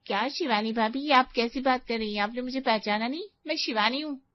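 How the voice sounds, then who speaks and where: A frugal young sister-in-law who speaks bluntly and lectures others on raising children, in a cartoon story, as a woman voices her. The voice is a little high, and the recording sounds dry and dull. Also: fairly quick, natural voice.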